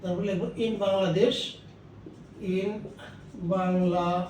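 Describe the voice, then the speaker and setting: A Bengali-speaking man with a Bangladeshi accent teaching English grammar, explaining slowly and repeating each word as he writes it on the board. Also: high-pitched, a little mellow, far from the mic. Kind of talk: slow classroom explanation while writing on a board. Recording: very echoey room, voice away from the mic, faint noise.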